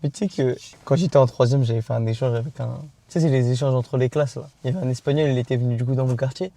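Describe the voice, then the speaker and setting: A man's voice: medium pitch, steady tone, very fast, warm tone. A young man chatting casually as a vlogger, teasing and repeating himself in street slang. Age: young adult. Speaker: vlogger, amateur athlete and coach. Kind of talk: casual vlog chat. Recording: music behind the voice. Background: music.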